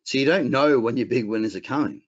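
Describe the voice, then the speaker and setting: Speaking quickly at medium pitch, this Australian trading educator runs a casual webinar. He's blunt and rambling, often starting over mid-thought, and the audio is dull and lo-fi.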